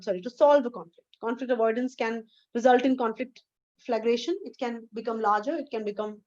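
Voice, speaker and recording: A woman with an Indian English accent delivers an earnest, emphatic lecture, pressing her points and correcting herself as she goes. Her voice sits high. The audio is dull and lo-fi, like an online call. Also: a little mellow. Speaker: webinar speaker. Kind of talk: lecture presentation.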